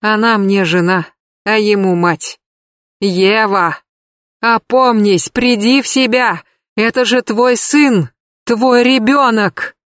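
A woman's voice: medium pitch, steady tone, measured pace, no room sound, clean studio sound, lightly acted. Woman voicing a firm older man pleading.

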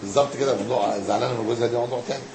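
A man with an Egyptian accent teaching a religious lesson as a sheikh, explaining and briskly answering students' questions. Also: mid-range voice, fairly even intonation, over a noisy crowd. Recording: echoey hall with background noise.

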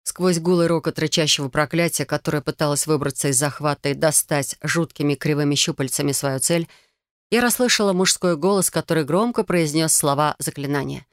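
A woman narrating a first-person fantasy novel in an expressive, emotional reading. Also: deep voice, a little fast, no room sound, clean studio sound. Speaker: audiobook reader.

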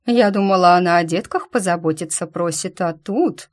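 A woman's voice: fairly low pitch, moderate pace, lightly acted. Woman doing a fussy witch mother. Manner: chatty, fussy, slightly husky. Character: fussy, stubborn middle-aged witch mother.

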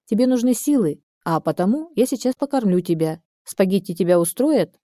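Woman reading as a calm reassuring man. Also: medium pitch, normal speed, dry recording, clean studio sound, lightly acted. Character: calm helpful German man.

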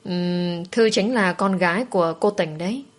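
A woman's voice: fairly low pitch, moderate pace, lightly acted. Woman voicing a caring young boyfriend. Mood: reassuring.

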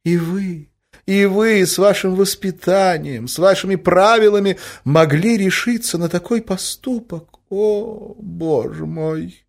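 A scheming middle-aged lady coaxes and reproaches in a soft, honeyed voice, as a male narrator puts her on. Her pitch sits well above his own while her volume stays gentle. The sweetness covers a clear calculation. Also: takes it slowly, full character voice.

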